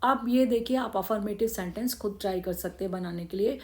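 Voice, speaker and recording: A woman's voice: mid-range voice, brisk. A woman with an Indian accent teaching an English grammar lesson, explaining rules step by step and answering her own questions.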